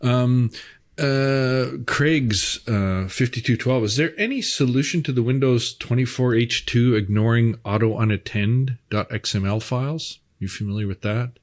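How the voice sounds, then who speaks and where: A man's voice: mid-range voice, measured pace. A middle-aged man, reading viewer questions and chatting in an easygoing way. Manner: easygoing, reads questions, laughs often. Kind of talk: casual chat.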